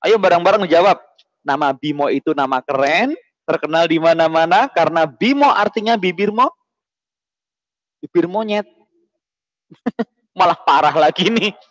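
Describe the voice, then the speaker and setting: A man's voice: on the high side, lively intonation, normal speed, fairly bright tone, no echo. A man presenting to schoolchildren in a playful, joking way, teasing them and firing off call-and-response questions. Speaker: children's presenter at a school holiday event. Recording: dull lo-fi, dry sound.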